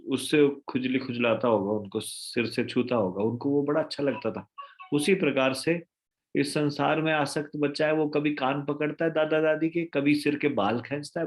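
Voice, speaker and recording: A man giving a devotional scripture lecture, telling stories, asking rhetorical questions and slipping in English phrases. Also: fairly high pitch. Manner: storytelling, mixing in English phrases. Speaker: spiritual lecturer.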